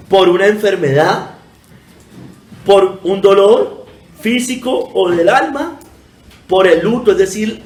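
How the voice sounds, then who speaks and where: A man's voice: sits high, reverberant. A man preaching a sermon, emphatic and repetitive, often calling out to his congregation. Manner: emphatic preaching, repeatedly addressing the congregation as brothers. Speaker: pastor.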